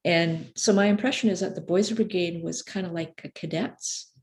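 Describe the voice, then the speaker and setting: Low, gravelly woman explaining casually. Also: normal speed, a little mellow. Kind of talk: interview recollection.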